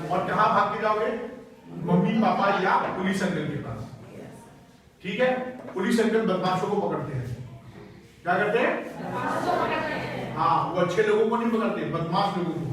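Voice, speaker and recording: Male trainer, high voice, animated and coaxing with children; boomy reverberant room, faint background noise. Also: recorded from a distance. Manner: animated, coaxing, urging kids to shout. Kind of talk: classroom talk to children. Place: school classroom or hall.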